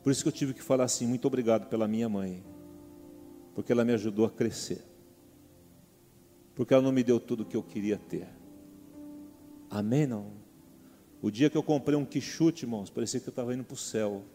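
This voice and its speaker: Warm-toned and medium in pitch, this Brazilian Portuguese-accented pastor in middle age preaches briskly but pauses often. He keeps calling out questions to his congregation in a church hall, where long reverb and faint music fill the background.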